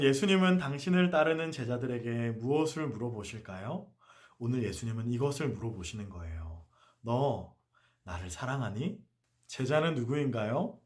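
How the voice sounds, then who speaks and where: A man preaching a storytelling sermon for a church ministry, often asking his listeners questions. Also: medium pitch. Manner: animated, asks the listeners questions.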